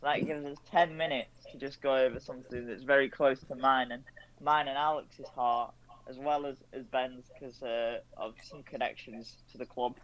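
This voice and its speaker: A man's voice: medium pitch, fairly even intonation, moderate pace, muffled recording. A man co-hosting a casual football stream, blunt and candid, sounding frustrated.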